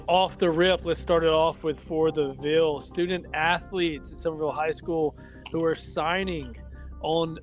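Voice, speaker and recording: Upbeat man hosting a sports podcast. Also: a little high. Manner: upbeat, announcing names in a list. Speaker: podcast host. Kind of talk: casual sports podcast chat. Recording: music bed under the talk.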